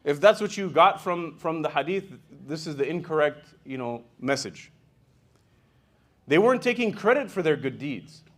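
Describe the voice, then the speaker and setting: A man giving a sermon as an imam, retelling a hadith in an animated, conversational way with frequent "you know" and "right?". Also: on the high side, moderate pace. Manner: animated storyteller, swings in loudness.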